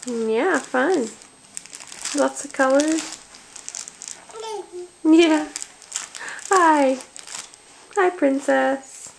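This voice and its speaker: Slow cooing woman in baby talk. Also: sits high, gravelly, slight background noise. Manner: slow, soft, cooing and encouraging. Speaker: parent.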